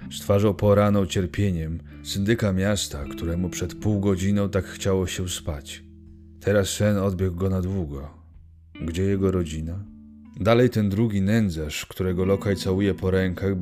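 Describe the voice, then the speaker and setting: A man narrating a literary story in a measured, solemn reading. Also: sits low. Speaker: audiobook narrator. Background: guitar music.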